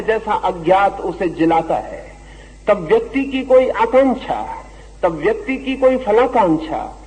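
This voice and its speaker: A man giving a slow, deliberate spiritual discourse, his voice swelling and dropping for emphasis. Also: a little high, warm tone, in a large hall, low-quality recording. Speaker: spiritual teacher. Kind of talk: philosophical discourse.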